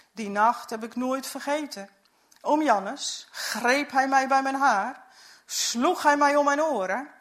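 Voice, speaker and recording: A woman reading a story aloud in the first person, in an earnest, reflective way. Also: high voice. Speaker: narrator.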